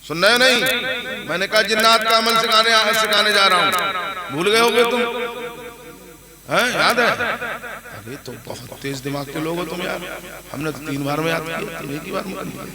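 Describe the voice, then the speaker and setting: Fervent preacher over a loud crowd. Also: male voice, high-pitched, normal speed, pauses often. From India. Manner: conversational, keeps checking the audience understands; swings between hushed asides and raised, emphatic calls. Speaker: Islamic preacher. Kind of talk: storytelling sermon at a religious gathering. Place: large religious gathering with a crowd.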